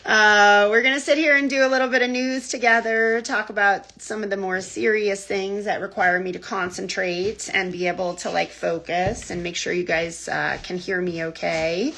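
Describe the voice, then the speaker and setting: A woman's voice: mid-range voice, steady tone, normal speed, vocal fry, few pauses, bright, forceful tone. A woman hosting a weekly livestream news brief from inside a tiny house, chatty and laughing often as she greets viewers by name. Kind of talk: casual livestream chat.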